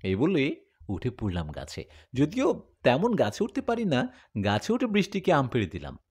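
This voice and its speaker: A man reading a first-person love story aloud in a scripted, storytelling manner. His pitch moves in lively, animated swings as he tells the tale. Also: normal speed, husky.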